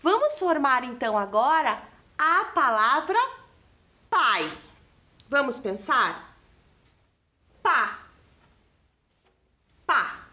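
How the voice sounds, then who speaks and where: High, lively Brazilian woman teaching children. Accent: Brazilian Portuguese. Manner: spells out letters and syllables slowly, asks questions. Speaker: primary school teacher. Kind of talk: slow, didactic classroom lesson for children. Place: classroom studio for televised lessons.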